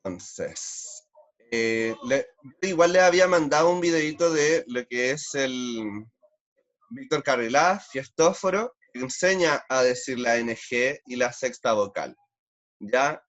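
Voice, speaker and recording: A man's voice: mid-range voice, animated, slow pace, a bit bright, dull audio. A man with a Chilean accent teaching a beginner language class online, patiently drilling sounds and repeating syllables. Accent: Chilean Spanish.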